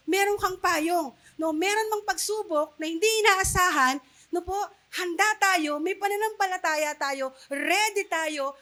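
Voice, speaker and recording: A woman's voice: very high voice, sharp tone. A woman pastor giving a conversational sermon, often checking in with her listeners as she goes. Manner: conversational preaching with frequent "no?" and "okay?" check-ins.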